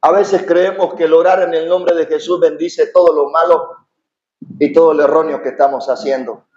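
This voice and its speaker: A middle-aged man preaching a sermon as pastor, impassioned, often rising to shouts. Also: a little high, steady tone, normal speed, slight background noise. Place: church sanctuary. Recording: echoey, dull church recording.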